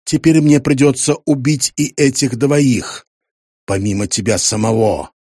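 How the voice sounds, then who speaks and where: A man playing a menacing keeper holding a gun, growling and sneering his threats in a husky voice. The read is dry and close, in a thriller audiobook. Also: mid-range voice, a little slow, mellow, dry recording. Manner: growling, hissing, mocking. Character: menacing, mocking male museum keeper with a gun.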